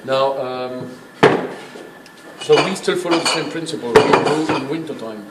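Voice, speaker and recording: Working as a brewery tour guide, this man explains things informally but emphatically, sounding opinionated and a bit preachy. His mid-range voice moves a little slowly. The room is echoey, with clearly audible background noise.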